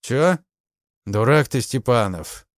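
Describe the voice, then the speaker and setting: A man's voice: mid-range voice, animated, slow pace, dry recording, studio quality. A man voicing a crude, threatening secret-police major who mocks and bullies. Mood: mocking. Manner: coarse, mocking, threatening.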